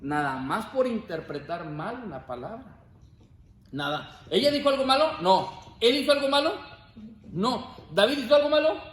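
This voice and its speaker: A man teaching a Bible class, lively and joking, often asking the class questions. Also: sits high, moderate pace. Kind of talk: classroom lecture. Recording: echoey classroom, faint room noise.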